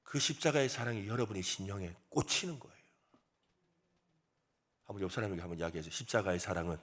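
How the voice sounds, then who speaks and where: In a church sanctuary, a male pastor preaches a sermon, animatedly telling a story and posing rhetorical questions to the congregation. He has a low, fairly bright voice and talks fast.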